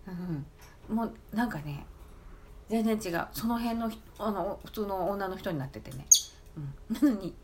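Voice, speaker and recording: Chatty laughing woman, lively pitch. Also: normal speed, a little hiss or hum. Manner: chatty, laughing, lots of fillers and asides. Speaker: talk app streamer. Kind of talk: casual monologue.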